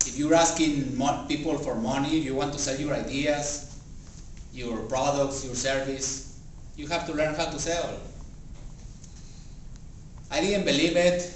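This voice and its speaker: A club member whose first language isn't English gives a personal motivational practice speech to a small audience in an indoor meeting room. His somewhat high voice has fairly even intonation, and he speaks haltingly, pausing deliberately between phrases. A distant camera or room mic captures him in a very echoey space with faint noise.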